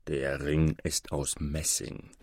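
A man doing a hushed, scheming sorcerer. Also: level tone, slightly rough, dry recording, clean studio sound, exaggerated voice. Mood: coaxing. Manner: low, hushed and slow. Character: scheming male sorcerer, menacing and coaxing.

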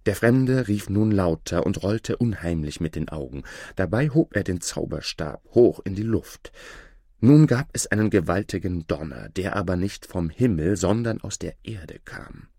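A man with a very deep voice reads a fairy tale aloud, calm and measured. The sound is dry and close, with no room around it. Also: dry recording. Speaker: narrator.

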